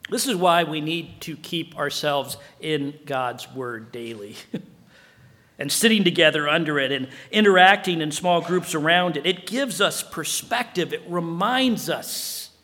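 A man preaching a sermon as pastor in an animated way, acting out dialogue. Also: high-pitched, in a large hall.

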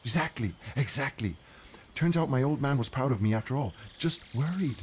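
A man plays a reflective young hero of a jungle audio story. He speaks haltingly and earnestly in a soft-toned, mellow voice over faint insect ambience. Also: medium pitch, lively intonation, a little hiss or hum, pitched above the performer's own voice, close to an everyday voice. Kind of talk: children's audio story acting.

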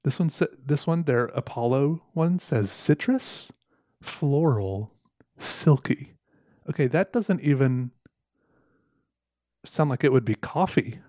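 A man's voice: medium pitch, measured pace, a little mellow, dry recording, studio quality. A man chatting casually into a microphone as a solo podcast host, rambling, correcting himself and musing with wry humor. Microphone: close microphone.

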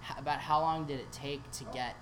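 Very deep-voiced woman, noisy room. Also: fairly even intonation, a little fast. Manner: chatty, upbeat, lots of fillers. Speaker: interviewer and photographer. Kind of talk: casual interview chat. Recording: noisy ambience behind.

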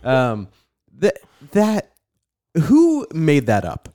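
A man's voice: fairly high pitch, extremely slow, no echo. A man co-hosting a casual podcast chat, joking and laughing often as he talks into a close mic. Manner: jokey, laughs often, animated asides. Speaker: podcast co-host.

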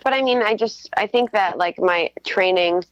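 A young woman guest musician answering interview questions over the phone, talking quickly and casually with lots of "like" fillers. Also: mid-range voice, no echo. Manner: chatty, quick, full of "like" fillers. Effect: heard over the phone. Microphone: telephone. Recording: muffled dry phone line.

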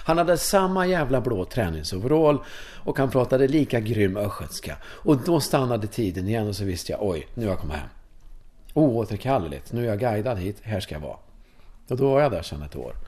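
A man in his fifties from Sweden, a course leader telling personal stories in an interview in a casual, animated way. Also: mid-range voice. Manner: animated, casual, swears, tag questions. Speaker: course leader in sexuality and breathwork.

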